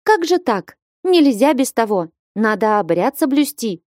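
A woman's voice: a little high, sing-song, a little slow, no room sound, studio quality, voice pushed up. A woman voicing a bossy scolding village girl. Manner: sharp, scolding, commanding. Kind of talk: audiobook character reading.

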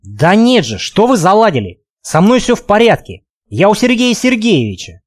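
A man's voice: high-pitched, wildly swooping pitch, moderate pace. A male audiobook reader voicing a sulky, impatient young man who answers grudgingly and irritably. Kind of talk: audiobook character reading.

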